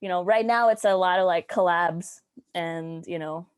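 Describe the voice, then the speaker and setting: A woman's voice: on the low side, moderate pace, clear, resonant tone. A young woman from Puerto Rico, a guest in a casual chat on a video call, who talks frankly with lots of fillers. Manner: chatty, frank, many fillers. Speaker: guest, musician and therapist-in-training.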